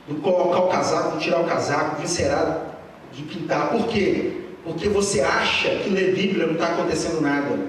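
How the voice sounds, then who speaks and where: A man's voice: a little high, slight background noise. A man with a Brazilian Portuguese accent preaching at a youth congress, retelling film scenes with acted voices and sound effects. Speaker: pastor. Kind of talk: animated sermon. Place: church hall at a youth congress. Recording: echoey hall from far off.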